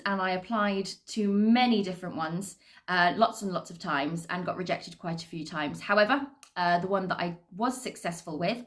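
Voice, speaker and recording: A woman's voice: mid-range voice, fairly bright tone. Upbeat, chatty British woman. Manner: upbeat, chatty, articulate people person. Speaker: assistant cruise director and entertainer. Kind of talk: informal career talk to camera.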